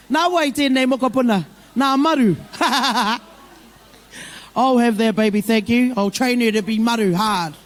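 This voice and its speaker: She has a fairly high pitch and a measured pace: a middle-aged New Zealander with a broad accent talking informally to a community gathering. Speaking plainly and warmly like a mother, she calls people by affectionate names and slips Māori expressions in among the English.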